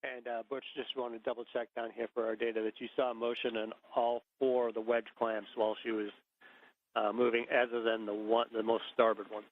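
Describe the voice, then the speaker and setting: A man speaking as a mission control communicator, giving measured procedural instructions over a radio link with hesitant pauses, like a sci-fi communicator. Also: medium pitch, level tone, no room sound. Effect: radio transmission. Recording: muffled band-limited radio link.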